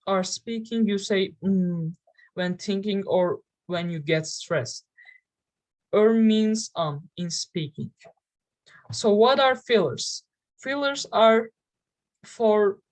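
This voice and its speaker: A young woman with a Turkish accent teaching English in a slow, careful lesson, pausing often and using fillers. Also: mid-range voice, rough recording. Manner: slow, deliberate, with pauses and fillers. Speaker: English learning video host.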